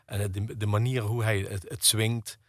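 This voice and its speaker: A man's voice: lowish voice, fairly even intonation, moderate pace, dry recording, studio quality. A middle-aged man, a percussionist and conductor talking hesitantly in an interview, full of fillers and restarts. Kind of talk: radio interview conversation.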